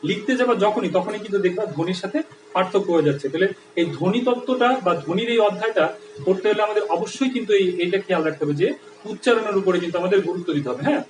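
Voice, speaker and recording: A man's voice: high-pitched, very fast, roomy sound, distant mic, noisy background. A man teaching an online grammar lesson, explaining step by step and often checking with his students. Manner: explanatory, with frequent checks like "right?".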